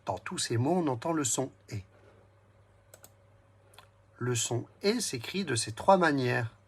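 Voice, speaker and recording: A man with a slightly husky, mid-pitched voice gives a reading lesson to young children. He speaks unhurriedly and warmly, breaking each word into syllables. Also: lively intonation. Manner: speaks slowly, splits words into syllables. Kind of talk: slow, patient reading lesson addressed to a child.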